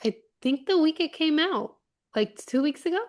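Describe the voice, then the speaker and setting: A woman's voice: high voice, lively intonation, normal speed. A young woman co-hosting a podcast in casual chat, easygoing and giggly. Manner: casual, giggly, drops into whispers when retelling. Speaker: podcast co-host.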